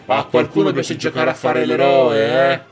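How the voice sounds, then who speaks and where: A man voicing a grandiose, cruel evil duke from a video game in a theatrical, booming way. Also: steady tone, drawn-out words, a little hiss or hum. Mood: menacing. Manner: theatrical, booming villain speech. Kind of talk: video game dialogue read aloud. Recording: game music playing behind. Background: video game music.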